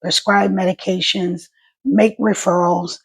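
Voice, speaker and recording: A woman with a gargly, wet-sounding, husky voice, talking casually to her viewers in a vlog with a slight stutter. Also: lowish voice, level tone. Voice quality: gravelly, husky. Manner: slightly stuttering, halting speech. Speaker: vlogger and stroke survivor.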